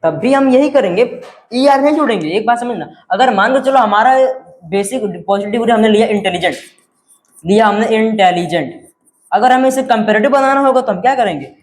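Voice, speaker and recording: A man's voice: extremely high pitch, animated, fast talker, echoey room. A male teacher explaining grammar in his words, often asking check questions and repeating key words.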